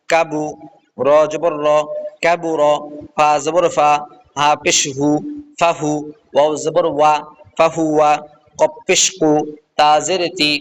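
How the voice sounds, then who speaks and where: Male Quran reading teacher, slightly high voice, very slow and clear, chants the drill in a steady rhythm. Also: low-quality recording. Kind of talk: slow recited Arabic letter drill.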